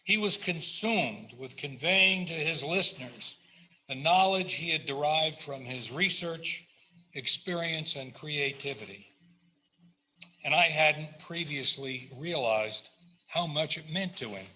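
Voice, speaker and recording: Older man, very bright forceful voice a bit on the high side, reading a tender measured eulogy. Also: poor audio. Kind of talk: prepared eulogy speech.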